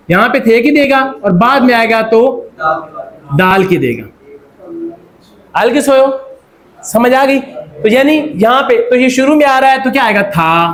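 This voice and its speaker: Man, Pakistani accent, high-pitched voice, classroom lecture, asks questions and repeats the answers. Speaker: Korean language teacher.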